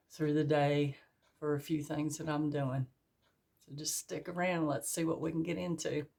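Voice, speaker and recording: Slightly breathless, a woman talks casually with her audience while working outside in her garden, laughing in a homey, folksy manner. She has a low, somewhat mellow voice, and the clip is relaxed vlog narration.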